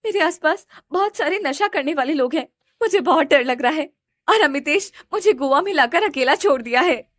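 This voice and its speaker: Brief: woman performs a tearful young sister for an audio story, high and crying, voice swinging widely, dry close sound. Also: big pitch swings, moderate pace, no room sound. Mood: frightened sobbing. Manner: crying, high-pitched pleading.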